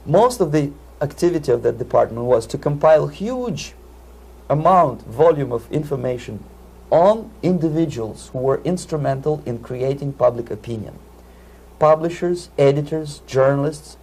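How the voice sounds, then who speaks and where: A man's voice: medium pitch, vocal fry, warm tone, husky. A man from the Soviet Union with a Russian accent, giving earnest, lecturing answers in an interview and often repeating words as he searches for them. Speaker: interview guest.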